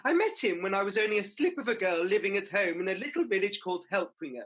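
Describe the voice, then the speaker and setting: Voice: medium pitch, animated, fast, a bit bright, close to an everyday voice. An actor playing a gossipy, hard-up mother as a pantomime dame in a radio play, with chatty comic patter. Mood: cheeky, chatty.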